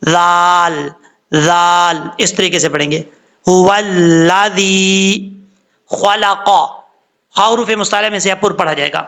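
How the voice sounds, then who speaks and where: A man leads a Quran recitation lesson in a high, bright voice. He explains patiently and spells out the letters one by one. He stretches his chanted examples out slowly. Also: creaky. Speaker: Quran tajweed teacher.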